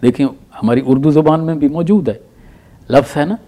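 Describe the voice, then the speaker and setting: A man teaches a tajweed lesson, explaining patiently and reciting examples slowly with stress. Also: on the high side, warm tone.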